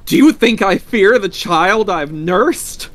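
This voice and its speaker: Man voicing a frantic, high-pitched hysterical old woman. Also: animated, takes it slowly. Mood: desperate. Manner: urgent, emotional outbursts.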